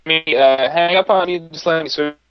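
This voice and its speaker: A man's voice: on the high side, brisk, lo-fi sound, faint music behind. A man co-hosting a casual chat over a call line that keeps breaking up, his words clipped and fragmented. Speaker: podcast co-host calling in. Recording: distant, breaking-up call audio.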